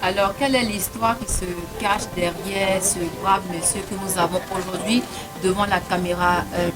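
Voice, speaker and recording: A woman hosting a TV interview program, asking formal, measured questions. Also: mid-range voice, fairly even intonation, low-quality recording. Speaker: host. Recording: music bed underneath.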